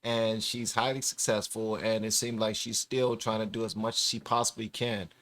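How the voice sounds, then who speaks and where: A man hosting a reaction video, commenting in a relaxed, chatty way with laughing asides. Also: fairly low pitch, normal speed. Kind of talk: casual commentary.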